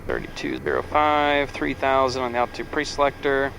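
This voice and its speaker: A male pilot narrates his checks in a casual, matter-of-fact way. His voice is mid-pitched, recorded in an aircraft cockpit with faint noise behind it. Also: sing-song, brisk, gravelly, a bit bright, rough recording. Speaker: pilot and presenter.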